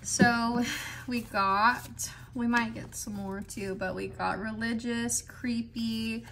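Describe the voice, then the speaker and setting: A woman's voice: fairly high pitch, steady tone, takes it slowly, fairly bright tone, a little hiss or hum. A young woman giving a casual tarot card reading indoors, rambling and chatty and filling her talk with "like". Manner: rambling, heavy with "like" fillers, chatty. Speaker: tarot reader. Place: indoors at a desk, in a squeaky chair.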